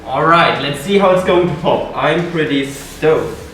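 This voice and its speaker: A man casually narrating a woodworking vlog, talking excitedly and swearing now and then as he works on wood in his workshop. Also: a little high, measured pace, faint music behind. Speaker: woodworking vlogger. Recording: very echoey workshop room.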